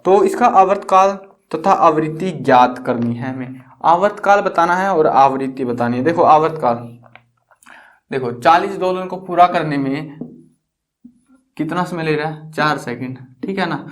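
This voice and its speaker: Young guy teaching science, kinda high voice, joking around and quizzing himself. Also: a little slow. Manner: chatty, teasing, asks and answers his own questions. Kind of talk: casual classroom explanation.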